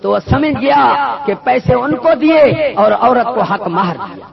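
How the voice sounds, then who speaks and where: A man preaching a sermon full of stories, emphatic and swinging between loud and soft. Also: very high voice, expressive, vocal fry. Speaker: Sufi preacher. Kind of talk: sermon with storytelling. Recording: dull lo-fi recording with a loud crowd.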